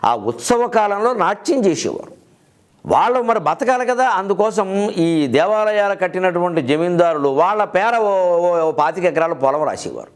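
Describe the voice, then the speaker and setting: Middle-aged male lecturer with a slightly high voice, storytelling style, with humorous asides and verses quoted slowly. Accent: Telugu. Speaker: literary speaker and host.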